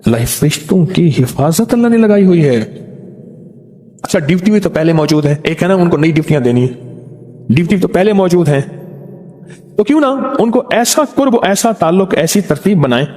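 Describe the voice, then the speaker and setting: Animated preacher man in a long reverb. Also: high voice. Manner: animated, repeating phrases for emphasis. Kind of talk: storytelling sermon.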